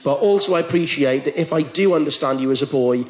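A man's voice: fairly high pitch, quick pace, darkish tone. A man hosting a comedy interview, teasing and sarcastic, building into mock outrage. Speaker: comedy show host. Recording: roomy echoey venue.

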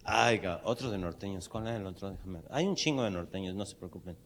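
Gravelly crude Mexican comedian. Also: male voice, sits low, quick pace. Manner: crude, slangy, rambling asides. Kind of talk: stand-up joke telling.

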